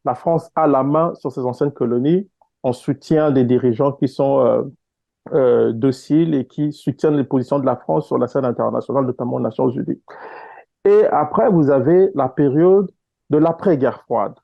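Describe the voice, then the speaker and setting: A Congolese-born man answering interview questions in a measured, explanatory way with frequent hesitations, speaking over an online call. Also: mid-range voice, gravelly, dark tone, no room sound, lo-fi sound. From Congo (DRC). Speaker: guest author.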